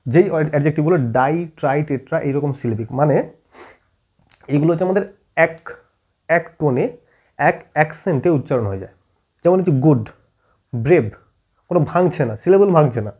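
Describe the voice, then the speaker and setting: A man from teaching an English grammar lesson, constantly checking whether students follow with quick questions. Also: fairly high pitch, expressive, darkish tone, slightly rough, highs cut off. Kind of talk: classroom-style video lesson.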